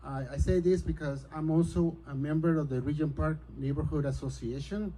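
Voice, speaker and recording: A middle-aged man from Peru speaks as a city council candidate, earnest and a little halting. His voice is mellow and dark, pitched a touch high. He delivers a campaign speech in a community hall. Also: fairly even intonation, slight background noise. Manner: earnest, hesitant, grows forceful.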